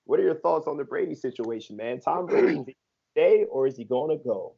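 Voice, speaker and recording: A man's voice: a little high, expressive, fairly quick, gravelly, warm tone. A man co-hosting a sports podcast, chatting casually with teasing jokes and plenty of ums. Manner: joking and teasing, lots of ums and filler. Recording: dull lo-fi podcast audio.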